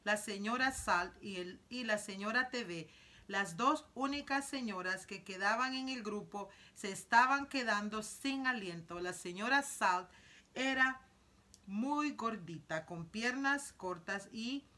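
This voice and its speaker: A woman's voice: mid-range voice, a little slow, pushed and bright. A woman reading a children's novel aloud as storytime reader, with a storytelling manner and asides to young listeners.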